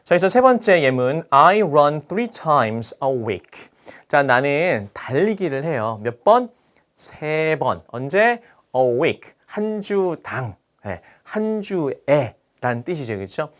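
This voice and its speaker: Male grammar teacher, lecture delivery, lively pitch, keeps asking the class if they follow. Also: slow pace. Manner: lively teacher asking rhetorical questions and checking in often.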